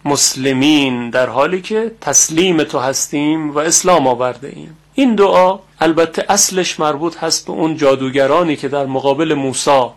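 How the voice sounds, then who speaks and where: Slow, deliberate male recitation teacher. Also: fairly high pitch. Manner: slow, deliberate, repeats Arabic words to model pronunciation. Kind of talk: religious lesson on recitation and meaning.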